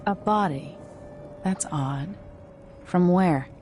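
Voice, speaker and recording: An actress playing a guarded young outlaw heroine in a video game, cool and wary. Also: female voice, on the low side, takes it slowly, darkish tone, a little hiss or hum. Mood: wary, questioning. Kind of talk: video game character dialogue.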